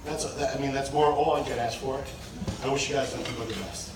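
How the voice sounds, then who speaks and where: A man's voice: medium pitch, fairly even intonation, quick pace, music in the background. A man giving a best man's wedding toast speech, reading it from paper to the guests. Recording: echoey noisy room, far from mic.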